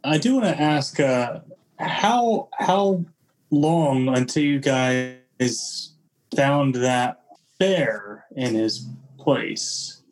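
Slow, halting man playing a tabletop game. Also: medium pitch, rough recording. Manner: halting, filler-heavy questions. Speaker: player.

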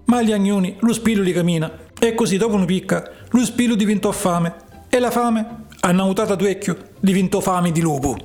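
A male storyteller with a fairly high voice, reading a children's tale in a lively, expressive way. Soft music plays quietly under his narration. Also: a little fast.

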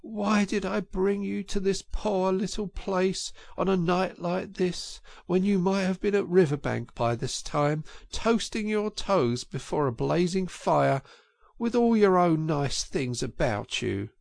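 Man doing a small storybook mole, high-pitched and moaning, doleful and self-reproaching, slow delivery. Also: lively intonation, vocal fry, darkish tone, dry recording, exaggerated voice. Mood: dismayed. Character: timid, despairing male mole, small and homesick. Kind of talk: storybook reading.

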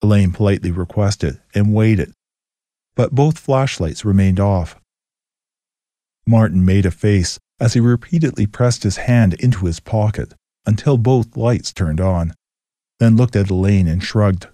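A man giving a scripted, steady story narration. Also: lowish voice, a little slow, no echo, clean studio sound.

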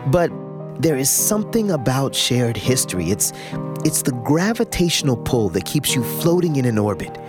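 A man narrating a personal story in the first person, reflective and expressive with dramatic pauses. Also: mid-range voice. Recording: music bed under the voice.

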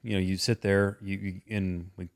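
Young man with a lowish voice. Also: level tone, moderate pace, a little mellow. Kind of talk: casual chat.

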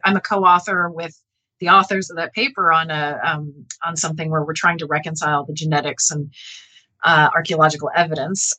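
A geneticist and author, appearing as a guest in a conversational academic interview, explains things earnestly and keeps checking in with "right?". Her fairly low voice is bright and forceful, though the recording is rough.

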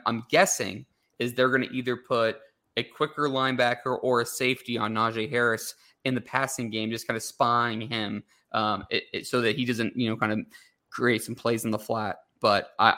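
A man's voice: medium pitch, level tone, normal speed, pushed and bright. A man co-hosting a sports talk show, chatting casually about football with frequent restarts and hesitations. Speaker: sports podcast co-host.

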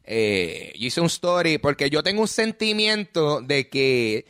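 A man's voice: a little high, sing-song, measured pace, a bit bright, clean tone, no room sound. A young man with a Puerto Rican accent, hosting a podcast in a loose, profane, rambling casual chat. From Puerto Rico. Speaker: podcast host.

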